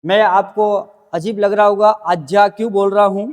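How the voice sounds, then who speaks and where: A man's voice: high voice, steady tone, normal speed, in a large hall. A man teaching a grammar lesson, explaining step by step and answering his own questions as he goes.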